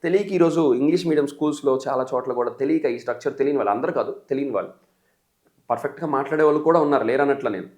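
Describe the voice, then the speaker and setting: A man from the Telugu states teaching English as an exam coach, animated, mimicking learners' mistakes and calling the viewers friends. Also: medium pitch, rapid-fire. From Telugu states of India. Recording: echoey room.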